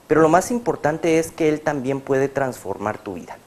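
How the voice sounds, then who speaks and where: A man's voice: on the high side, lively intonation, normal speed, a little mellow. Earnest male host of a faith program. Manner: earnest, preacher-like. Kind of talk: testimony interview.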